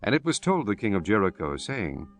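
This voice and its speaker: A man's voice: lowish voice, very animated, a little fast. A man giving solemn, formal scripted narration of scripture as the narrator.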